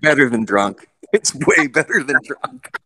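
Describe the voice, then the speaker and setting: A man's voice: mid-range voice, big pitch swings, a little slow, bright, forceful tone, slightly rough, poor audio. Playful man joking on a panel. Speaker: voice actor on a convention panel. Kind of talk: casual panel Q&A.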